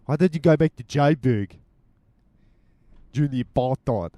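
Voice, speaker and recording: A man's voice: medium pitch, animated, normal speed, no room sound, muffled recording. Joking man talking while driving. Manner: joking, mock-stern, chatty with asides. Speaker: podcast host. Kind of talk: casual rambling monologue while driving. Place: inside a car on the road. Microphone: handheld mic with headphones.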